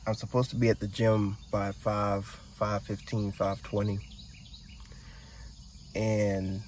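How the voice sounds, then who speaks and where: Man, vlogger, groggy morning voice, somewhat low pitch, casual rambling storytelling. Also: slight background noise. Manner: rambling, many restarts and asides.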